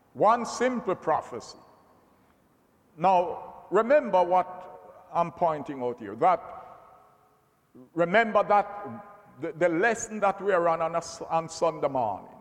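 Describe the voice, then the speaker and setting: A male Bible teacher speaks very slowly and deliberately, stressing each phrase and doubling back on his words. His voice sits fairly high. The room has a long, echoing reverb. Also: a bit bright. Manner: slow, emphatic, repeats words. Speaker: preacher.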